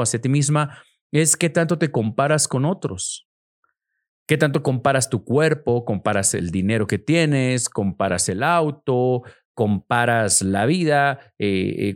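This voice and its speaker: A man hosting a motivational self-help podcast. He talks in an animated way and acts out inner voices with sudden pitch jumps. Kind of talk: motivational talk.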